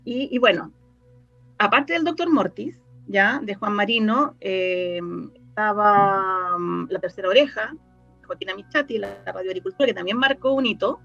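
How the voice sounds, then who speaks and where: As an interview guest, this Chilean woman, who writes scripts and researches radio drama, talks hesitantly, groping for words and going over the same points again. Her mid-range voice is creaky and fairly bright, at a moderate pace, and the lo-fi recording is dull, with faint music playing.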